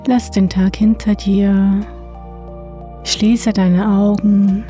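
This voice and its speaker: Woman doing a sleep story, super slow and soft, mellow even voice, faint music behind. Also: medium pitch. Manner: soothing, unhurried, breathy soft delivery with long pauses. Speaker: sleep story narrator and host. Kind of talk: slow, hushed sleep story narration with guided relaxation.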